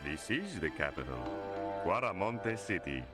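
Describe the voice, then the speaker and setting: A polite but officious local man from an adventure game, speaking. His voice is deep and his wording formal, over clearly audible music. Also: very animated, normal speed. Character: polite, officious male Latin American local. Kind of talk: video game voice acting. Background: music clearly behind the voice.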